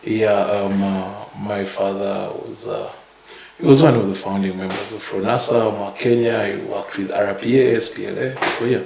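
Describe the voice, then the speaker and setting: A man in his thirties from Uganda, a podcast guest telling his life story in a halting way with many fillers and little chuckles. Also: fairly low pitch, steady tone, gravelly, a little mellow, echoey room, slight background noise, poor audio. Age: 30s. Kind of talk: casual interview, life story.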